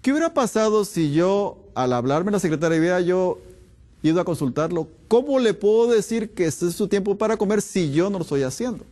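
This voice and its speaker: Middle-aged male physician, measured lecture voice, a bit high-pitched, likes pausing on rhetorical questions. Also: animated, mellow. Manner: rhetorical questions answered in a dropped voice. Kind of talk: health talk with anecdotes.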